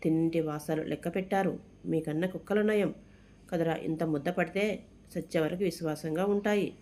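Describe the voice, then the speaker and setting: A storybook narrator voicing a hot-tempered young man who shouts in outrage, in a mellow, dark voice. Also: medium pitch, fairly even intonation, moderate pace, natural voice. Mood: outraged.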